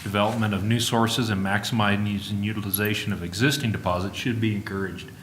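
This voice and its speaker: A man giving formal remarks as a commission member, with a halting delivery. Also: on the low side, steady tone, a bit bright. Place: public meeting room. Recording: echoey room, faint background noise.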